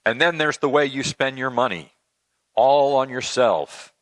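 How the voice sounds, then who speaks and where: A man playing a patient, probing, gently teasing God, questioning and admonishing conversationally in a comic dramatic reading. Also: mid-range voice, measured pace, no room sound, close to an everyday voice.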